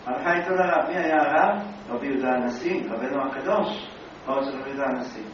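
A man giving a sermon as a religious teacher, telling a story with animated, dramatic delivery and rising exclamations. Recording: far-off echoey hall, dull lo-fi sound, low rumble.

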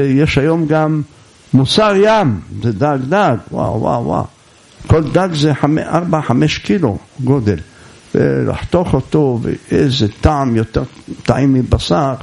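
Guy preaching and telling a folk tale, gravelly, pitch a bit high, really animated. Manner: animated storyteller acting out voices. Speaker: rabbi or preacher. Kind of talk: sermon with folk storytelling.

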